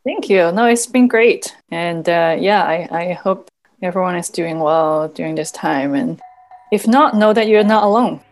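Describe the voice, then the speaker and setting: Soft music plays behind a woman with a fairly low voice who speaks at a measured pace. A native Cantonese speaker appearing as a podcast guest, she is reflective, thoughtful and soft-spoken, sprinkling in "like" fillers and quiet laughs.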